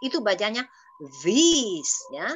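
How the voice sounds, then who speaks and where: A woman's voice: mid-range voice, sing-song, slow pace, slight background noise. A woman with an Indonesian accent teaching an English lesson over a video call, patiently repeating words for the class to copy.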